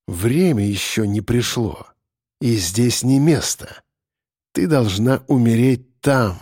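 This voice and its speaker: A man voicing a menacing male cannibal captor who speaks quietly, slowly and coldly. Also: medium pitch, expressive, breathy edge, no room sound, clean studio sound. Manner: quiet, slow and icy. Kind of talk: audiobook character voice.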